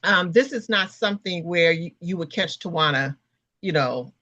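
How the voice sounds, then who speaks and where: A woman co-hosting a podcast in casual chat, pausing often with fillers and restarts. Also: on the low side, lively intonation, pushed and bright, no echo, lo-fi sound. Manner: halting, many restarts and fillers. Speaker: podcast co-host.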